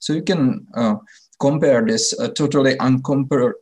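A man's voice: mid-range voice, normal speed, darkish tone. A thirty-year-old man with a Czech accent, a non-native speaker explaining things in an unscripted interview and often searching for words. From Czech Republic. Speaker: interview guest, technology innovator.

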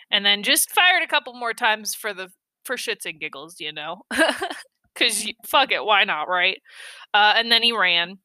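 Slow, bright-voiced woman podcaster. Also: mid-range voice, clean tone, dry recording. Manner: frequent ums and uhs, offhand asides; blunt, swears casually. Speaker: podcast host. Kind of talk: casual true-crime storytelling.

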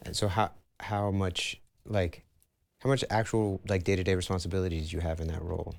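A man hosting an interview, asking relaxed questions with plenty of fillers. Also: low voice, a little fast, vocal fry, no echo. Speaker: interview host.

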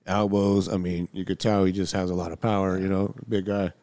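A man with a deep, dark voice talks over a fight as a podcast co-host, loose and rambling with plenty of slang. The sound is dry and close on a podcast mic. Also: flat delivery, a little fast, dry recording. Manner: laid-back, rambling, slangy. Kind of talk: casual fight commentary chat. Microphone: headphones and podcast mic.

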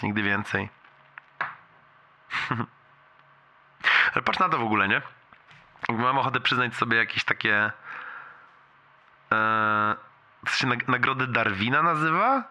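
A man's voice: mid-range voice, pushed and bright. A man leaving a long, rambling voicemail for a friend, self-deprecating and full of restarts.

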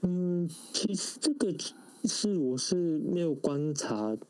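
A man's voice: high voice, sing-song, slow, a little mellow, poor audio. A native Japanese man speaking with a Japanese accent, answering interview questions conversationally and searching for words. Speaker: interview guest.

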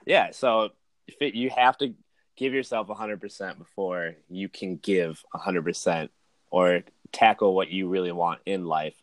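A man in his early thirties appears as a podcast guest, telling personal stories in a casual, slangy chat loaded with "like," "man" and "dude." His voice sits low and unhurried, in a dry recording.

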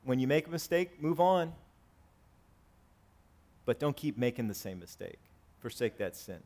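In a church sanctuary before his congregation, a pastor in his forties preaches a sermon, swinging between raised, emphatic lines and quiet, conversational asides. His voice is medium-pitched and sing-song, with a measured pace.

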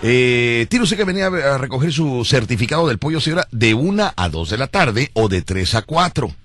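A man's voice: medium pitch, very animated, moderate pace, fairly bright tone. A man, hosting a radio show with playful, teasing banter. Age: 40s. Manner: teasing, playful, laughing often. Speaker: radio host.

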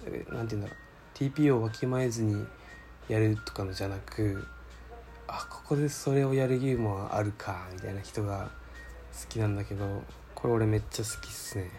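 A man's voice: fairly low pitch, a little fast, dark tone, soft background music. A man hosting a casual solo radio-style show, reading listener mail and talking in a rambling, laid-back, slangy way while searching aloud for his words.

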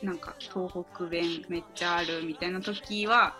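A woman's voice: lowish voice, steady tone, unhurried, pushed and bright, faint music behind. A woman in a casual chat, speaking politely and laughing often. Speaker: podcast member.

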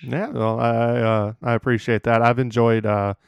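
A man's voice: medium pitch, flat delivery, moderate pace, creaky, clean tone, dry recording, highs cut off. A young man hosting an interview podcast, eager and a little stumbling, with frequent "uh". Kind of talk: casual interview.

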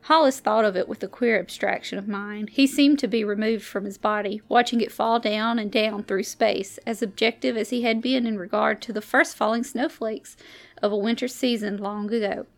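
A woman on the library staff reading a science fiction short story aloud, giving the characters lively voices in the dialogue. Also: medium pitch, moderate pace, soft background music.

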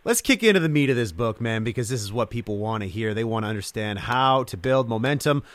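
A male podcast host interviewing a guest, energetic and effusive, calling him man and brother. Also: mid-range voice, fast talker, a little hiss or hum.

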